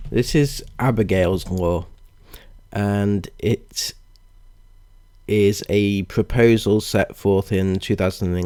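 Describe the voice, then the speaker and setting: A man with a fairly low voice delivers disapproving commentary at a slow pace. He is deliberate in how he sets out his points, and the sound is dry and close. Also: darkish tone, no echo. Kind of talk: video commentary with read-out passages.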